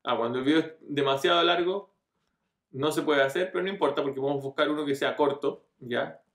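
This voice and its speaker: A man's voice: fairly high pitch, brisk, fairly bright tone. A middle-aged man giving a casual step-by-step computer tutorial, often checking in with the viewer, recorded on a desk webcam in a small room. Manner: casual step-by-step explaining with frequent checks like "¿cierto?". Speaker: online marketing tutor. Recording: echoey room.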